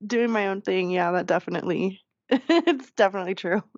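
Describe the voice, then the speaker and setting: A woman's voice: mid-range voice, fairly quick, no echo, muffled recording. A podcast co-host, a woman, who answers briefly and laughs often in casual chat. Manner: giggly, brief replies.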